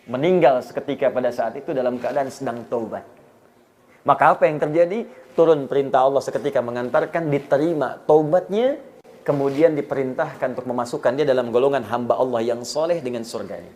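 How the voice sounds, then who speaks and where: A man's voice: mid-range voice, brisk, a little mellow. A man from Indonesia giving an Islamic sermon, telling stories and acting out the dialogue with rising emphasis. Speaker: Islamic preacher.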